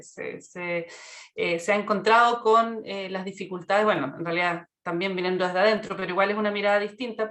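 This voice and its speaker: A woman introduces a guest at an online seminar. She talks conversationally, with frequent fillers and restarts. Her voice sounds roomy and echoey, as if picked up over a video call. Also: medium pitch. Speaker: seminar moderator.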